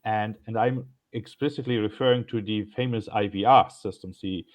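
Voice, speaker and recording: German-accented man, lower voice. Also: moderate pace, lo-fi sound. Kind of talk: panel discussion.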